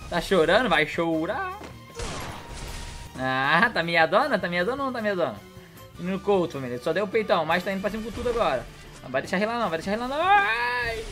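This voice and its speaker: A man's voice: high-pitched, very animated, fast, pushed and bright, soft background music. Hyped young man commentating a game. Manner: hyped, slangy, keeps addressing viewers as family. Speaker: gaming youtuber. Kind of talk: excited live gameplay commentary. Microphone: headset.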